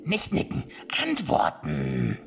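A man voicing a deranged old male king in an audiobook, with a high, shrill, old-sounding voice that drops into manic whispers. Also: huge pitch swings, slow, full character voice. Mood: deranged glee. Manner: manic, sing-song, sudden whispers and shrieks. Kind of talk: audiobook character voice. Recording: clear background music.

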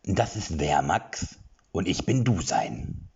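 A man voicing a small, misshapen creature that speaks slowly and politely in an audiobook, on slightly muffled audio. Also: very animated, gravelly, a little mellow, breathy edge, full character voice. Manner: slow, polite, deep.

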